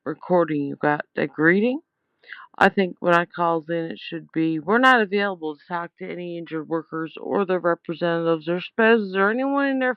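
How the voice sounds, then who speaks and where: Over a phone line with dull lo-fi sound, a woman leaves an informal complaint voicemail. Her voice is on the low side, clear and resonant, with no echo, and she speaks bluntly, emphatically, and with a sense of grievance.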